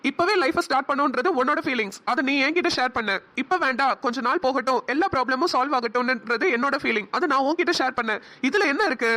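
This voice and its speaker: A woman voicing an earnest, hot-tempered young husband in a cartoon, talking quickly. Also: high voice, animated, bright, forceful tone. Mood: tender, pleading. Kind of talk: cartoon voice acting.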